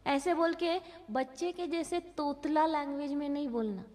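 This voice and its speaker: A woman's voice: sits high, normal speed, a little mellow. A woman giving a spoken lesson to parents, checking in with short questions after nearly every phrase. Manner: keeps checking in with 'haan?' and 'hmm?'. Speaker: parenting workshop speaker. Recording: long hall reverb.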